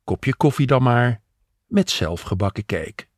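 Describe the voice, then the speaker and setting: A man's voice: mid-range voice, expressive, a little slow, dry recording, clean studio sound. A man voicing a caring, bustling older woman in a spoken audio story, fussing and cheerfully scolding.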